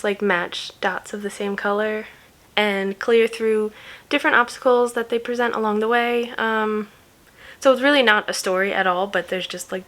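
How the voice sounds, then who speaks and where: A woman's voice: medium pitch, a bit bright. Woman, casual knitting vlogger, rambling chat, small laughs, mid-range voice. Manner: rambling, chatty, with fillers and little laughs. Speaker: knitting podcast host.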